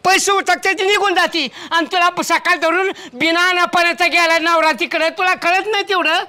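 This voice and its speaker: A grumbling hungry old village farmer. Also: male voice, very high-pitched, fairly even intonation, moderate pace, bright, forceful tone, full character voice. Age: older. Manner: scolding, complaining. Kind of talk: village comedy acting.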